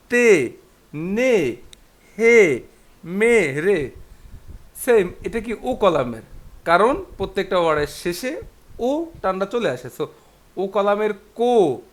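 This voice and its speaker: A man, sitting higher than most men, teaches a beginner language class. He takes his time, drilling each syllable and answering his own questions. His delivery is patient and repetitive. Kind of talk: classroom lesson.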